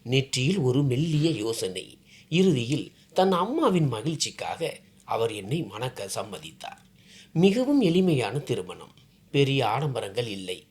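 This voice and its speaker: Expressive woman telling an emotional story. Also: very deep voice. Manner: expressive, heartfelt. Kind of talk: emotional first-person story narration.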